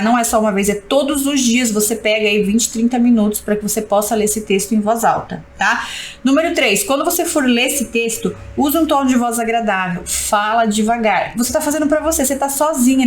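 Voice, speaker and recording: A woman's voice: a little high, slight background noise, rough recording. Brazilian woman coaching a live class. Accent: Brazilian Portuguese. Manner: repeats "tá?" to check in, drills points by repetition. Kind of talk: live-stream lesson, reading viewer comments.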